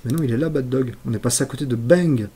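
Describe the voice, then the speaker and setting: Excitable man streaming retro games. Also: mid-range voice, quick pace, breathy edge. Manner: excitable, exclaims and talks to himself while playing; self-mocking asides. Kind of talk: live gameplay commentary.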